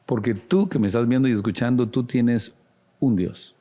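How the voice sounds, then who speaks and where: A man's voice: mid-range voice, normal speed, dark tone. A man preaching a sermon as a pastor, earnest and speaking straight to the listener with direct questions. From Latin America.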